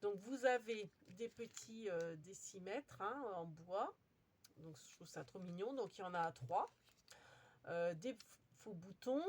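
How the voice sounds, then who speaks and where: A woman's voice: mid-range voice, expressive, unhurried, husky. A woman chatting casually as she shows off her craft haul, talking with lots of fillers and restarts. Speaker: crafting vlogger. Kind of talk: casual show-and-tell haul.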